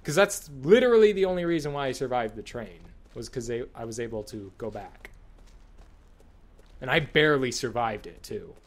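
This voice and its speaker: A man's voice: mid-range voice, expressive, moderate pace. A man giving casual, exasperated, sweary commentary while he plays a horror video game. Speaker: gamer commentating on own play.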